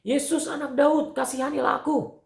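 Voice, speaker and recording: A blind beggar shouts and pleads, his cry soaring far above ordinary speech, as a man acts him out for a children's Bible story. The voice rings a little in an echoey room. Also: fairly even intonation, moderate pace, vocal fry. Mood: pleading cry. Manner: loud pleading high cry. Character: blind adult male beggar crying out desperately.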